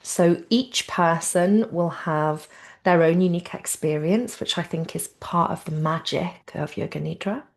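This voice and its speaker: A woman leads a yoga nidra session, guiding gentle relaxation in a soothing, unhurried, informal way. Her voice is on the low side.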